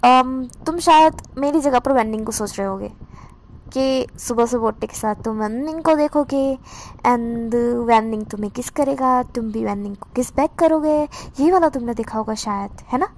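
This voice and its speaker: A woman's voice: fairly high pitch, moderate pace, lightly acted. Woman reading as a teasing young man. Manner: gently teasing, questioning.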